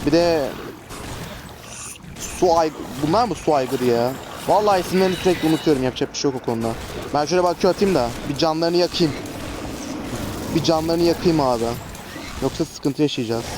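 Chatty man grumbling over gameplay. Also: fairly high pitch. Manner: chatty, exasperated, swears at enemies. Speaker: gaming channel host. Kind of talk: casual gameplay commentary. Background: traffic noise.

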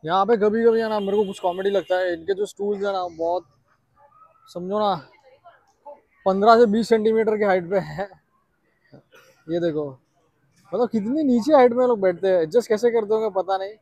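एक युवा पुरुष ट्रैवल व्लॉगर, बाहर पर्यटन पार्क में कैमरे से बोलते हुए, उत्साह से बातें करता है और हिंदी में अंग्रेज़ी शब्द मिलाता है।. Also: male voice, sits high, normal speed, pauses often, no echo, dull audio. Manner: chatty, excited, mixes English into Hindi. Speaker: travel vlogger. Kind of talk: casual travel vlog.

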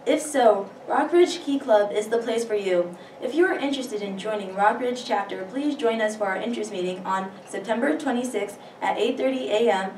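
A teenage girl reading school announcements as a student news anchor, steady with the odd stumble. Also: a little high, normal speed. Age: teens. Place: school studio room. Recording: echoey room, distant mic, faint hiss.

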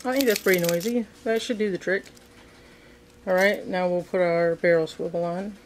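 A woman's voice: on the low side, fairly even intonation, moderate pace, slight background noise. A woman hosting a casual how-to video, demonstrating a craft at a table indoors and thinking aloud with frequent ums and restarts. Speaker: fishing craft video host.

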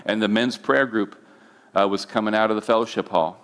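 A man's voice: on the low side, steady tone, fairly quick, fairly bright tone. A middle-aged man, a pastor, telling a personal testimony in a sermon, his voice climbing when he gets emotional. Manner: emotional storytelling, voice rising when moved.

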